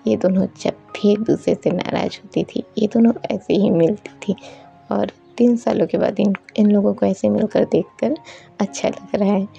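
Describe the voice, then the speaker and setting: A woman's voice: medium pitch, steady tone, moderate pace, vocal fry, warm tone. A woman voicing a firm middle-aged father who urges his daughter back to work. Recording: dull recording, faint music behind.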